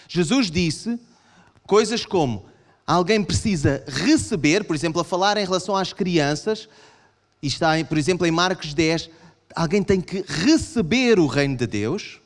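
A male preacher with a European Portuguese accent delivers a sermon, his pitch swinging widely as he voices imagined objections from the pews. His voice sits a little high for a man. The sound carries a long reverb from a large church hall. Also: unhurried. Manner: animated, acts out voices of the congregation in raised pitch.

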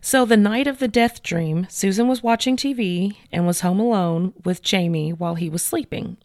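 A woman hosting a podcast, retelling a case in a chatty, animated way with many fillers. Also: mid-range voice, moderate pace, no room sound, clean studio sound. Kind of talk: casual storytelling chat.

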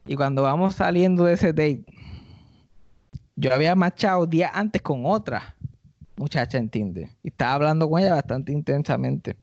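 A Puerto Rican man tells a comic story on a podcast, slipping into others' voices as he goes. His voice is gravelly and pitched a bit high. The sound is dry and a little dull. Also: no echo. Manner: animated, acts out quoted people in high voices. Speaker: podcast host and stand-up comedian.

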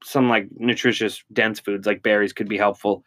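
A man's voice: on the low side, level tone, moderate pace, a bit bright. A young man co-hosting a podcast in casual chat, rambling through tips he reads aloud, with lots of filler words. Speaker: podcast co-host.

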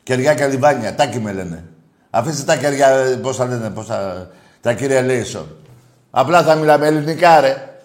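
A man hosting a call-in radio show, blunt and crude, going from low grumbling to loud mocking rants. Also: lively intonation.

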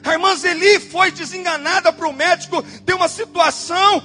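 Pastor, man, very high voice, fiery sermon that drops to quick murmurs, soft music behind. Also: fairly even intonation. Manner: swings between shouted declarations and low rapid asides. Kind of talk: impassioned sermon. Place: church service.

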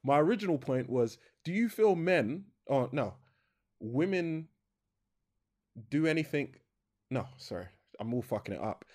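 A man's voice: a little high, lively intonation, unhurried, long pauses, darkish tone. A young man hosting a podcast, chatting casually, rambling and correcting himself, laughing often. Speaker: podcast host. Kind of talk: casual chat.

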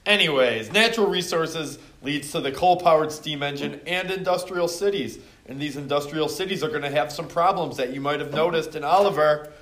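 A man's voice: fairly high pitch, fairly quick, few pauses, fairly bright tone. A middle-aged man teacher running a joking review quiz with his class, calling on students by name. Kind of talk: casual classroom review chat. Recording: echoey classroom with faint noise.

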